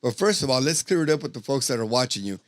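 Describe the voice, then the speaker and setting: A man's voice: medium pitch, expressive, quick pace, no room sound. A man hosting a casual podcast, effusive and full of hype as he introduces guests and fights. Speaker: podcast host.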